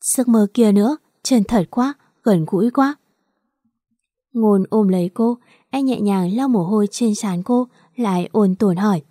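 A woman reading a story aloud as narrator, in a soft, even manner. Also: mid-range voice, unhurried, dry recording, studio quality. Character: little girl Nam Nam, about nine, pleading.

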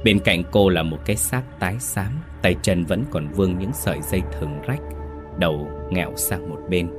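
Deep-voiced man narrating a horror story. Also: normal speed. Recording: faint background music.

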